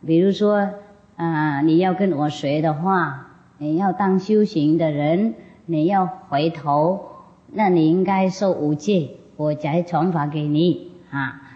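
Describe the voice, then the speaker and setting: A woman's voice: low-pitched, slow pace. A woman spiritual teacher telling a story to an audience in a folksy, chatty way, often laughing. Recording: dull lo-fi recording.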